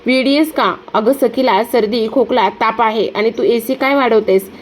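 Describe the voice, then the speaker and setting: A devoted mother, read out by a female narrator who pleads urgently to protect her sleeping daughter. The voice is slightly high and stays close to the narrator's own. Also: normal speed, natural voice. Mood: pleading.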